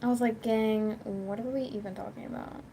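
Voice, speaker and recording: A woman's voice: a little high, fairly even intonation, a little fast, vocal fry, dark tone, a little hiss or hum. Chatty young-sounding woman, filler-heavy storytelling. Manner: rambling storytelling, acts out quoted dialogue, heavy "like" filler. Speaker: YouTuber and livestreamer. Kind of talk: casual chat.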